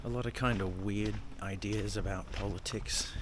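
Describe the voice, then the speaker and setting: A man's voice: fairly low pitch, steady tone, moderate pace. A young Australian man vlogging as he walks through old-town streets, holding the camera and rambling casually with the odd swear. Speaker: travel vlogger. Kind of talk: casual rambling walk-and-talk. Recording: clear street and traffic noise.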